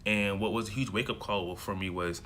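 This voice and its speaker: Here an early-twenties American man, a self-development vlogger, chats loosely to camera, restarting sentences and dropping fillers. His voice is on the low side and pushed and bright, with fairly even intonation and a brisk pace. A little hiss or hum sits under the audio.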